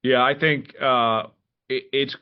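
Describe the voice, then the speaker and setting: A man's voice: medium pitch, smooth. Chatty man co-hosting a lo-fi podcast. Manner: animated, quick restarts, acts out quotes. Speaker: podcast co-host. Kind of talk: casual sports chat. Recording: dull lo-fi podcast audio.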